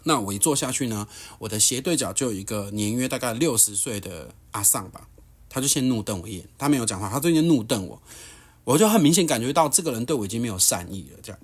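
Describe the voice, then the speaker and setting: A man's voice: medium pitch, animated, fast, slightly rough. Young male podcast host, Taiwanese Mandarin, heated ranting storyteller. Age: young adult. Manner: heated, blunt, swears.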